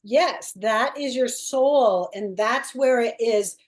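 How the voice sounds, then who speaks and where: A woman leads a relaxed group talk, teasing others and laughing often. Her voice is a bit high and she speaks slowly. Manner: playful, teasing, laughs a lot, prompts others. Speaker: discussion leader. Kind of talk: casual group chat.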